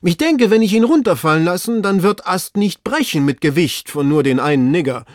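A man reading aloud, voicing a fearful male servant calling down from high in a tree in broken, drawn-out speech. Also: animated, no echo, clean studio sound. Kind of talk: audiobook reading.

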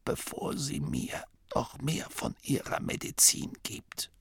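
A man voicing a frail, dying old gnome abbot who can barely speak above a breathy whisper. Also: medium pitch, very animated, slow pace, voice pushed up, full character voice. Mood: weary. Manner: faint breathy whisper, weary and dry-witted.

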